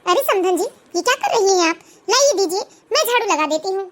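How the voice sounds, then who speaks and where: A woman's voice: very high-pitched, animated, brisk. A woman voicing a scheming middle-aged mother in a cartoon, sweet-talking and falsely kind. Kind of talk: cartoon voice acting.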